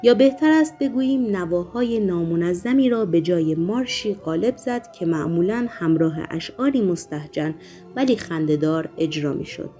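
A woman reading a novel aloud in steady, measured scripted narration. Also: fairly low pitch. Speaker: audiobook narrator. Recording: faint background music.

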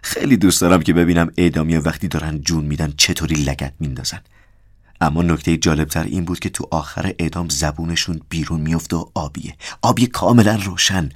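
A man's voice: extremely low pitch, fairly even intonation, no echo, studio quality. A man voicing a young male lexicographer who speaks eagerly and coldly about gruesome details. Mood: relishing. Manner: bright, keen, relishing gruesome detail.

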